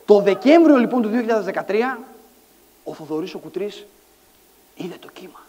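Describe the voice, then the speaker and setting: A middle-aged man giving an animated motivational stage talk, acting out dialogue and shouting some lines in a large conference hall. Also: high voice, muffled recording. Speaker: conference speaker. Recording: echoey hall sound.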